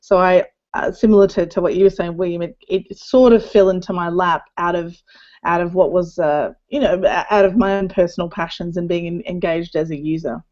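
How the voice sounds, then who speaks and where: A woman's voice: fairly low pitch, fairly even intonation, a little fast, a little mellow. Reflective woman on a muffled call. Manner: reflective, many fillers and restarts. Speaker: panelist. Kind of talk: casual panel chat. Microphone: video call. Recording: muffled video call audio.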